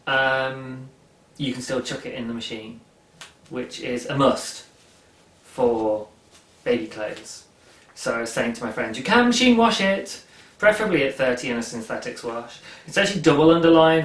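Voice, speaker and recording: A young man chats from his living-room sofa while hosting a knitting video podcast, rambling and amused at himself, with plenty of ums. His mid-range voice is a bit bright and sits far from the mic in an echoey room.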